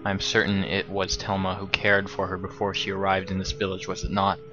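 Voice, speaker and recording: A solemn, calm male village shaman, read out by a man from a video game. The voice stays low and hushed, with a formal, grave way of speaking. The delivery is restrained and even. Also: brisk, highs cut off, music in the background, close to an everyday voice.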